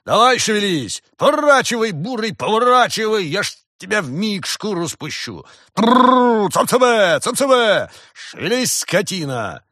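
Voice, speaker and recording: A man voicing a gruff old farmer who bellows at his oxen, rolling his r's. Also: medium pitch, lively intonation, moderate pace, few pauses, a bit bright, no echo, clean studio sound, voice pushed up. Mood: bellowing. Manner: hoarse bellowing, rolled-r calls.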